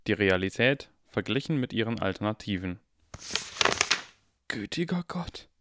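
A man reading an audiobook in calm, measured scripted narration. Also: lowish voice, creaky, dry recording, clean studio sound. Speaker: audiobook reader.

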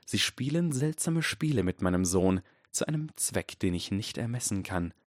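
A man's voice: fairly low pitch, expressive, dry recording, clean studio sound. Lucius Malfoy, a silky cold aristocrat, read by a man. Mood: icy. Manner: icy, measured and menacing.

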